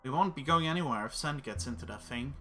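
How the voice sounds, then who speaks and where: This is a caring female android sister from a game story, as a man reads her aloud. She speaks in a soothing but firm way. The tone is bright and forward. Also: medium pitch, lively intonation, fast, faint music behind, close to an everyday voice. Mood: caring, scolding.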